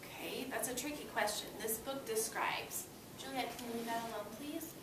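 A young adult woman, an elementary school teacher, leads an interactive read-aloud for small children sitting on the classroom floor. Her high voice is expressive and encouraging, pitched for little listeners, at a normal speed. A distant camera captures it, so the audio sounds roomy and noisy, as if from across the room.

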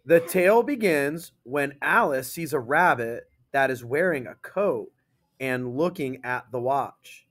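Male classroom teacher, mid-pitched, leads a grammar lesson, reads aloud slowly, checks in with students. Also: animated, fairly bright tone.

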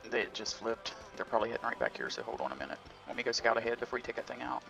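A man gaming with friends who swears casually and gives quick tactical calls. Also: medium pitch, big pitch swings, gravelly, over music, poor audio. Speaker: teammate in a gaming stream.

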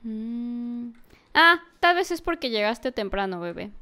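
A woman giving animated let's-play commentary, talking to a baby character and often yelling and laughing. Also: on the high side, slow pace. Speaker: gaming youtuber.

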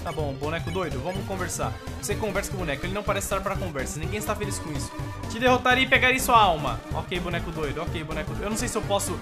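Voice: medium pitch, racing, hardly any pauses. Panicky Brazilian gamer over game music. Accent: Brazilian Portuguese. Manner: excitable, panicky, repeats phrases, swears. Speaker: gameplay commentator. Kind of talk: let's play commentary.

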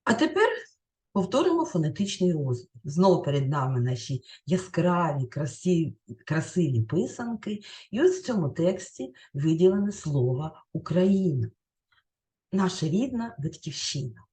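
A woman teacher giving a recorded lesson over slides, explaining in a clear, carefully enunciated way and reading lists out word by word. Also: low voice, sing-song, normal speed, mellow.

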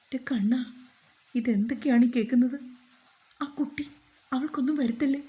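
A woman's voice: sits high, normal speed, mellow, dull audio, pitched above the performer's own voice, natural voice. Woman voicing a tearful pious grandmother. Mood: tearful, pleading. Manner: wailing, praying, pleading.

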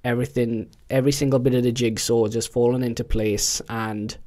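A young man, chatting casually about football as a podcast co-host, animated and slangy. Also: medium pitch, a little fast.

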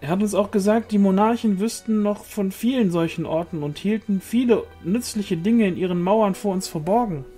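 Timid male peasant, shy and halting, pitched high and strained, voiced by a male reader. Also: dark tone, slightly rough, soft background music.

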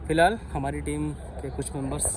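A young man with a Lucknow Hindi accent, talking excitedly to viewers as he walks around with a handheld camera. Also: on the high side, normal speed. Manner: excited, chatty, calls viewers bhai. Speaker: vlogger. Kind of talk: walking vlog, handheld. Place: outdoors by a stadium and in a crowded ticket hall. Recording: handheld camera amid loud crowd. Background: crowd and traffic noise.

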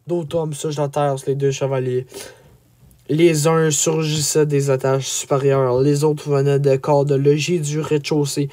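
A man reading a chapter of a medieval romance aloud as an audiobook, with expressive storytelling. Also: a little high, normal speed. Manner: expressive, rising on action. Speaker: audiobook reader. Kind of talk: dramatic storybook narration.

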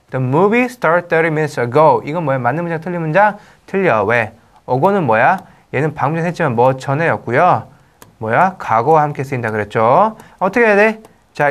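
Lively man teaching grammar. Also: a little high. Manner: lively, asks questions and answers them himself; reads English example sentences slowly. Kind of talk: online grammar lecture.

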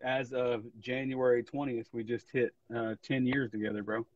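A man guest on an interview tells stories in a laid-back, easy way with plenty of "like". His voice sits at an everyday middle pitch. The sound comes through muffled, lo-fi livestream audio. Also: fairly even intonation, moderate pace, dry recording. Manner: laid-back storytelling, peppered with "like". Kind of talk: casual chat.

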